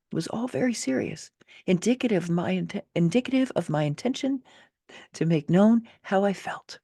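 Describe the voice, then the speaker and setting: Her voice is on the low side with a dark tone as she, the author, narrates her own personal story. The reading is an expressive memoir, conversational, candid, and wry, sprinkled with casual asides. It's recorded at studio quality with no room sound.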